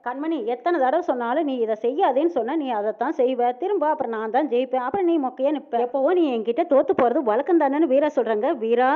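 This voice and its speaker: A woman with a high voice rattles through a recap of a TV serial at great speed, slipping each character's lines into her own narration. The sound is thin and tinny, like a phone line. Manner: brisk storyteller quoting every character in her own voice. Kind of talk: fast retelling of a TV serial episode.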